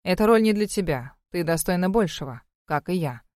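Тётя читает за холодного босса-демона, ровно и коротко, запись сухая. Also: female voice, fairly low pitch, fairly quick, dry recording, clean studio sound, lightly acted. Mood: cold. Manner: flat, curt, commanding. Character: cold, stern male chaos spirit boss. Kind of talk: audiobook reading.

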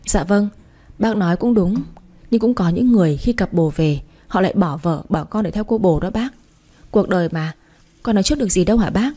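A woman reading the part of a young mistress, politely deferential but defiant, in a mellow, dark voice. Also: medium pitch, brisk, lightly acted.

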